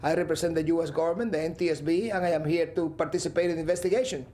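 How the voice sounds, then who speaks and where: A man's voice: fairly high pitch, rapid-fire. A man from Cuba, an air crash investigator, recalling events in an interview and acting out the dialogue. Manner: animated storytelling, acts out quoted dialogue. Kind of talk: interview recollection.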